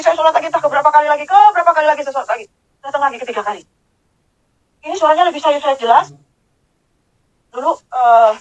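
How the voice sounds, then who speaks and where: A middle-aged woman tells her religious testimony in an earnest, rapid flow, often saying a phrase twice for weight. Her voice sits high, and the sound is dry and close. The recording is dull and lo-fi. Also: no echo. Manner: earnest, repeats phrases for emphasis. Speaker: testimony speaker.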